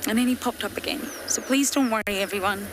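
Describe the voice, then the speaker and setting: A woman's voice: on the high side, fast talker. A woman from Scotland with a Scottish accent, a safari guide chatting earnestly to viewers during a live game drive. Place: open safari vehicle outdoors in the bush at dusk. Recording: outdoor bush ambience and vehicle noise.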